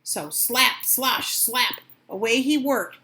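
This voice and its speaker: An older woman reading a children's storybook aloud with expressive, dramatic emphasis. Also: a little high, takes it slowly.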